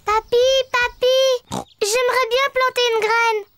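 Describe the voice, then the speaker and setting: A woman's voice: very high-pitched, fairly even intonation, takes it slowly, a bit bright, full character voice. A woman voicing an eager, boastful little girl pig with a childlike, singsong delivery in a children's cartoon. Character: cheerful bossy little girl pig, about five.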